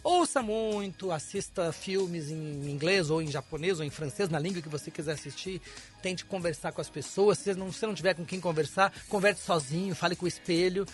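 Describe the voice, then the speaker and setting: A man's voice: high-pitched, brisk, soft background music. A man, an English teacher, explaining pronunciation as a guest on a radio interview in a studio. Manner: explanatory, demonstrates sounds.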